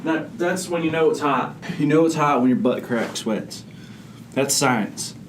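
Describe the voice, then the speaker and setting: A man's voice: on the high side, unhurried. A young man hosting a youth ministry video, dramatically complaining and coughing through a spicy food challenge. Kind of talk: casual hot-sauce challenge banter. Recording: noisy room background.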